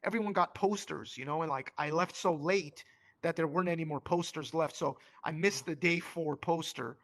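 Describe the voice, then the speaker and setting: A man with a fairly high, gravelly voice speaks as a guest in an interview. He tells stories casually and animatedly, with plenty of fillers. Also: moderate pace. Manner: animated, acts out quoted voices, lots of fillers. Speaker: company co-founder and CEO, interview guest.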